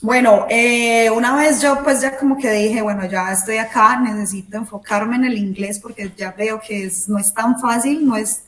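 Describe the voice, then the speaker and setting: A woman's voice: fairly high pitch, steady tone, moderate pace, hardly any pauses, fairly bright tone. A woman, a guest in a casual interview, who explains things step by step and gives examples. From Latin America. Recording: echoey room.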